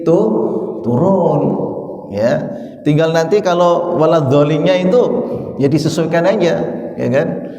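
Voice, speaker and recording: A man's voice: fairly high pitch, measured pace, pauses often, dark tone. A middle-aged man teaching Quran recitation at a mosque study session. He jokes with the congregation and chants verses to demonstrate. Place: mosque hall. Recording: echoey mosque hall with long reverb.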